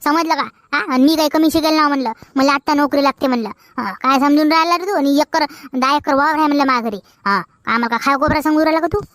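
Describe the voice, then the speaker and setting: High-voiced Vidarbha village girl. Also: quick pace, a bit bright, no room sound. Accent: Vidarbha Marathi. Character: bold young village girl. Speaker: comedy actor. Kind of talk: rural comedy sketch acting.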